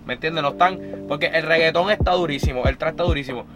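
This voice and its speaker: A male co-host who talks fast and chatty. His voice sits a little high for a man. Music plays clearly under the conversation. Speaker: podcast co-host. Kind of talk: casual interview chat.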